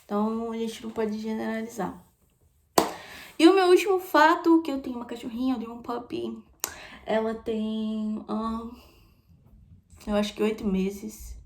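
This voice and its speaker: A woman's voice: on the high side, normal speed, pauses often, a little hiss or hum. Chatty young woman vlogging candidly. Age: young adult. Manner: chatty, candid, repeats phrases, drops to soft asides. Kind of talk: casual confessional chat.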